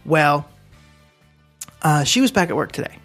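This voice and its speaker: At a measured pace, a man with a fairly high, bright, animated voice co-hosts a podcast, telling a drawn-out story in a relaxed way with frequent digressions and self-corrections. Soft music plays behind him, picked up by a studio mic running into his computer.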